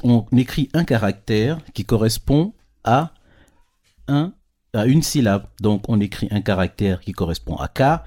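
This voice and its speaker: Speaking into a handheld mic, a man with a fairly low, darkish voice gives children a relaxed lesson. He is patient and keeps asking questions to make sure they understand.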